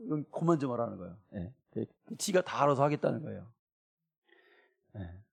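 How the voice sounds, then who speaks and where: A man's voice: a little high, a little mellow, husky. A middle-aged man preaching a sermon as pastor, acting out everyday quotes in different voices.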